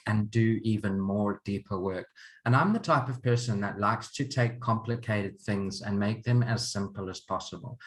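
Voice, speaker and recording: Over a video call, a counselor and program leader from Zimbabwe, in his forties, earnestly and openly introduces an online course. His voice sits somewhat low with a bit of brightness, and he laughs softly often.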